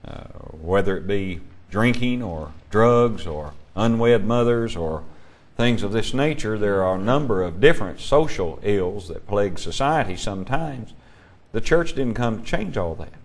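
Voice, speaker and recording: A man teaching a Bible class, emphatic and measured, putting questions to his students. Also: fairly low pitch, lively intonation.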